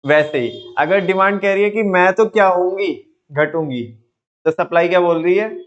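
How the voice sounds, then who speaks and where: A male teacher leads an online lecture in a playful, teasing way, constantly quizzing his students. His voice sits somewhat high, and the recording sounds dull and lo-fi. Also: normal speed.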